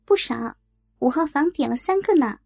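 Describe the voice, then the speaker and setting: A woman's voice: high-pitched, lively intonation, normal speed, creaky, darkish tone, pitched above the performer's own voice. A woman voicing a cheeky young nightclub worker who teases her boss in a playful way. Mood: teasing.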